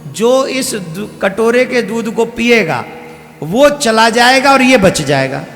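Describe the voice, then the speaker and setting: A man voicing a calm, authoritative older guru who speaks in firm, reassuring pronouncements. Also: extremely high pitch, slow pace, full character voice. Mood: assured. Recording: reverberant hall with faint music.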